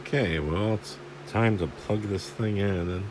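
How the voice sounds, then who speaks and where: On the low side and at a measured pace, a man speaks over a noisy background. In his radio repair video, he inspects the equipment while musing aloud, his rambling commentary casual and salty.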